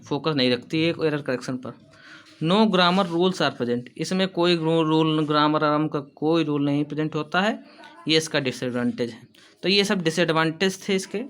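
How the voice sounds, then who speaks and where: A male teacher giving an exam-prep lesson, reading English lines slowly and then explaining them in quick, casual Hindi. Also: fairly high pitch, fairly bright tone, clear, resonant tone.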